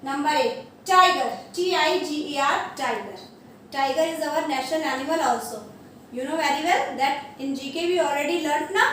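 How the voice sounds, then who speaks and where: A woman's voice: sits high, fairly bright tone, recorded from a distance. A woman teacher with an Indian English accent, giving an online grammar class to young children and spelling words out letter by letter. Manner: spells words letter by letter, calls pupils beta. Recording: echoey room, away from mic, faint background hum.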